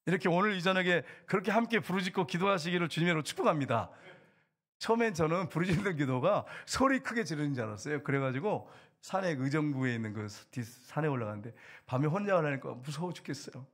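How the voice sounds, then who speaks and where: Husky-voiced man preaching a sermon. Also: fairly high pitch, fast. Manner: animated preaching, swings between loud outbursts and hushed asides. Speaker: pastor.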